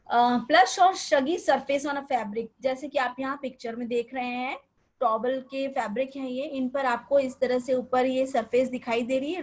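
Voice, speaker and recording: A woman's voice: sits high, poor audio. A woman teaching a class on garment terms with a Hindi accent. She explains step by step and often poses questions to her students.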